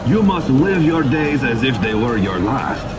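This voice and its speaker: A man's voice: medium pitch, very animated, unhurried. A man voicing a mystical mechanical fortune teller, sage and solemn, giving theatrical arcade patter. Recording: arcade machine playback with music behind.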